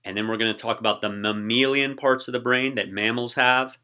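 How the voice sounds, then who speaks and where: Bright-voiced man lecturing casually. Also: medium pitch, fairly quick, smooth. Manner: relaxed, with frequent ums and uhs. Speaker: teacher.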